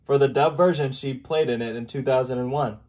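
A man hosting a casual live stream, chatting in a rambling, halting way full of fillers over a video chat mic. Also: medium pitch, fairly even intonation, darkish tone. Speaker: streamer host. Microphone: video chat computer mic.

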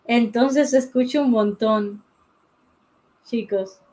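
A drawing teacher streaming live chats casually as she draws, thinking aloud and greeting viewers by name. Her voice is warm, on the high side and slow. The audio is poor, picked up by a desk mic beside the pencil sharpener.

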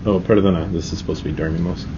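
A low-voiced Spanish teacher rattles through a grammar lesson at rapid-fire speed, his intonation fairly even. Though quick, he stays informal and reassuring, often asking short rhetorical questions to check understanding. The recording is dull and lo-fi, with clear noise behind him.

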